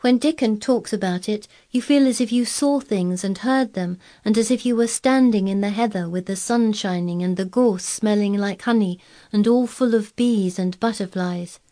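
A woman's voice: medium pitch, moderate pace, dark tone, voice pushed up, lightly acted. A woman reading aloud, voicing a blunt, contrary girl who speaks earnestly and stubbornly. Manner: obstinate, earnest, eager describing.

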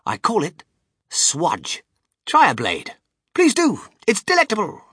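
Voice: sing-song, normal speed, slightly rough, no room sound, studio quality, heavily acted. A storybook narrator voicing an exuberant, boastful, eccentric man who owns a chocolate factory, in a theatrical, emphatic delivery. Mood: gleeful, boastful. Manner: theatrical, emphatic, swooping between hushed and shrill.

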